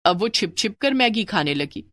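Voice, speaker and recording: A woman narrating a scripted moral story in an expressive, sing-song way. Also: medium pitch, moderate pace, no room sound, studio quality.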